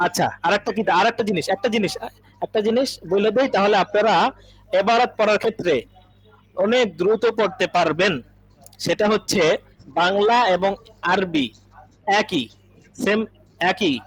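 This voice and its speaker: This online Arabic class is taught by a man with a high, husky voice who speaks at normal speed but pauses often. He explains patiently through everyday examples, repeats phrases, and regularly checks on student understanding. The recording is rough.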